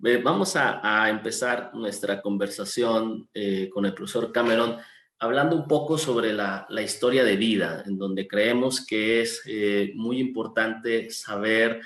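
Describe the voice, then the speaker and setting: A man hosts a formal interview in a polite, measured manner with the odd filler. His voice sits fairly low. The recording has a noticeable room echo. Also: a bit bright. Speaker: interview host.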